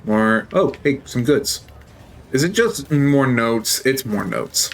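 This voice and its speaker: A man's voice: mid-range voice, animated, takes it slowly, gravelly. A man streaming a role-playing game, chatting casually, swearing and joking as he plays. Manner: profane, joking, laughs often. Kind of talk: casual gameplay commentary.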